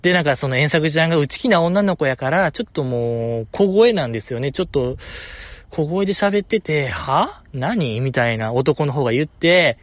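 A man hosting a podcast, chatting casually on his own in a rambling, animated way. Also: fairly high pitch, fairly quick, no echo, muffled recording. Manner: rambling, animated, with frequent laughs. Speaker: podcast host. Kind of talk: casual solo chat.

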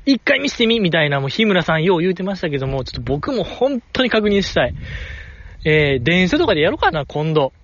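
Excitable Kansai man chatting solo. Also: brisk, muffled recording, a little hiss or hum. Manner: excitable, jumps in pitch when enthused, chuckles to himself. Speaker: podcast host. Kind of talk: solo casual podcast talk.

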